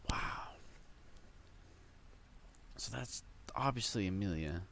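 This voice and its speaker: Young guy reading a light novel out loud, low gravelly voice, trips on words, keeps stopping to react, bit of hiss in the background. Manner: reads haltingly with slips, breaks off to react excitedly. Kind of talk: casual read-aloud with commentary.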